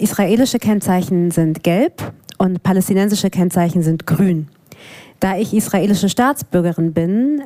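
A woman in her thirties from Hamburg, introducing herself casually and then steadily reading her own prose aloud at a live event. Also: lowish voice. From Hamburg, Germany. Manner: relaxed, with fillers, reads prose steadily. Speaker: author reading from her book. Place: event venue before an audience.

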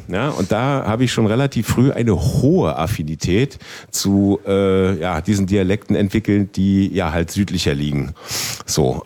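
A man's voice: low-pitched, a little mellow. A man from West Berlin, a band member chatting in a rambling way with many fillers during an interview. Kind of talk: casual interview chat.

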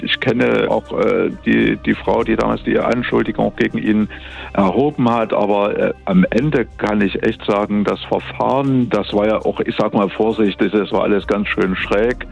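A man's voice: lowish voice, creaky. A man in his fifties from Dresden, a guest on the phone, answering thoughtfully with fillers and restarts. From Dresden, Germany. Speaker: academy director, phone guest. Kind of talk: phone interview. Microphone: telephone line. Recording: dull lo-fi phone line.

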